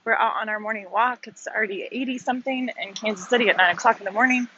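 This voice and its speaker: A woman's voice: fairly high pitch, fast, sharp tone, highs cut off, a little hiss or hum. A woman, an author and podcast host, chatting casually on a shaded outdoor walk, slightly out of breath and rambling with fillers and musing questions. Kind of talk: casual walking vlog. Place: outdoors on a shaded walking path.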